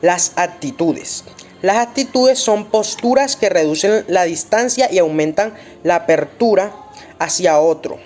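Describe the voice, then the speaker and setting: Student presenter, class talk, reading out list of points, mid pitch. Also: lively intonation, unhurried, darkish tone, faint music behind.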